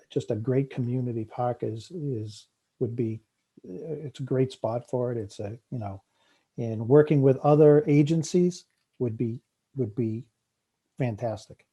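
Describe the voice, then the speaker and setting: A man with a Boston accent answers questions at a town committee meeting. His voice is very dark and mellow, and he talks haltingly, with plenty of fillers and restarts. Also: mid-range voice, husky. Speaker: town official presenting a park project.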